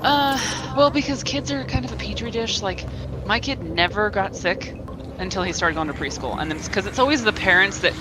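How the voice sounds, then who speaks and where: A woman's voice: medium pitch, lively intonation, brisk, noisy background. An American woman in casual chat, candid, rambling and freely swearing.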